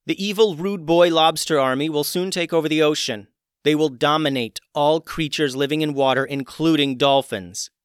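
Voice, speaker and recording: A man voicing a bold young mermaid heroine who makes loud, insistent demands in a storybook tale. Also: medium pitch, normal speed, dry recording, studio quality, natural voice. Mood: urgent.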